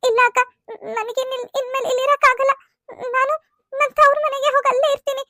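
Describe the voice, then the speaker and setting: A woman voicing a very high-pitched young bride. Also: brisk, fairly bright tone, dry recording, studio quality. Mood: hurt. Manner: pleading, tearful complaining. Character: young bride and student, tearful and hurt. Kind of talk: cartoon serial voice acting.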